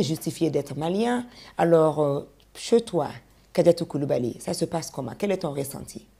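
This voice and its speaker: A woman's voice: low voice, dark tone. A woman hosting an interview, asking questions and prompting with brief backchannels.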